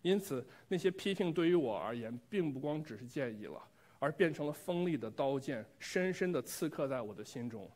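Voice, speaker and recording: Man, preacher, sermon, personal testimony, earnest, reflective, mid-pitched voice. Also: lively intonation, fairly quick, darkish tone. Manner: earnest, reflective, pleading questions to the congregation.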